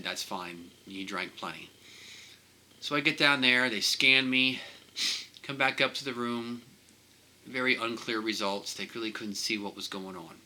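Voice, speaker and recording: Emotional man with a bright, tense voice. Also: lowish voice, poor audio. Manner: halting, emotional, repeats himself. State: emotional, composing himself. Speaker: vlogger. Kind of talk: personal recovery vlog.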